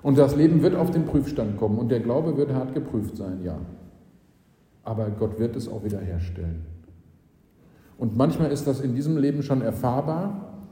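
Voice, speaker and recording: Casting: male preacher, very dark, mellow tone, explanatory sermon delivery, echoing hall with long reverb. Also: mid-range voice. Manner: explaining, with frequent rhetorical "nicht?".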